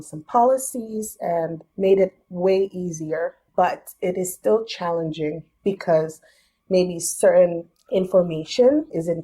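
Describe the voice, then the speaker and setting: A young adult woman who founded a business speaks as a podcast guest in a casual interview. Her voice sits on the low side, mellow with a slight roughness, and she explains things step by step in a thoughtful, relaxed way.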